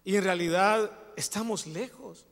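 A man's voice: high voice, a little slow, gravelly. A man preaching a sermon, telling personal stories and then urging his listeners with emphatic exhortation. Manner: storytelling, rising to emphatic preaching. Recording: long reverb of a hall.

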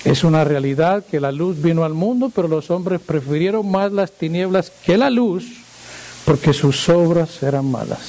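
A male pastor reading scripture aloud in a sermon and praying, slow and solemn, lifting his voice for quoted speech. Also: on the high side, mellow, rough recording. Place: church.

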